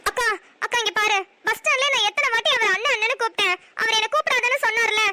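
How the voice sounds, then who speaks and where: A woman's voice: very high voice, quick pace, sharp tone, full character voice. A woman voicing a young woman who pleads with her older sister in a cartoon series. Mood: pleading.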